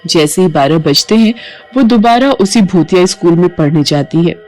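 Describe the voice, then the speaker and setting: A woman giving scripted narration for a cartoon ghost story in an even, storytelling manner. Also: lowish voice, normal speed, soft background music.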